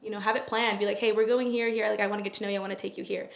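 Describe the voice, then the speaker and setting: A woman's voice: mid-range voice, little pitch movement, rapid-fire, vocal fry, echoey room. A woman in her early twenties, a podcast guest in casual chat, friendly and chatty with lots of filler words. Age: 20s.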